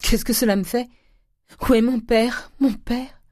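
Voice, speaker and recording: A man's voice: a little high, steady tone, measured pace, a little mellow, breathy edge, no room sound, studio quality. A man reading the part of a naive, grief-stricken young man who pleads in a raised voice. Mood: anguished.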